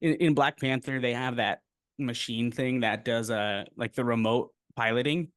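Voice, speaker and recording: A man's voice: mid-range voice, fairly even intonation, normal speed, no room sound, clean studio sound. A young man co-hosting a casual podcast with his brother, playful and easygoing, asking lots of questions. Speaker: podcast co-host.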